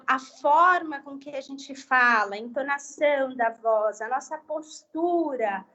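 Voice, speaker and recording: High-voiced woman speech therapist explaining gently. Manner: gentle explanatory tone, frequent tag questions. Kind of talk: live online health talk.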